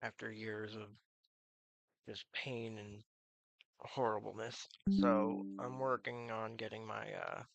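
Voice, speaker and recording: Gravelly man with toothless, slurred speech. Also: lowish voice, low-quality recording. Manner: halting, meandering, trailing off. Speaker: live streamer. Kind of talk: casual rambling stream chat.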